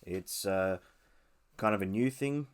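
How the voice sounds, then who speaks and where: An Australian man with a nasal, very low voice hosts a casual solo podcast. He muses aloud, hesitating often and restarting his sentences. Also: takes it slowly, smooth. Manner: hesitant, many ums and restarts. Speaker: podcast host.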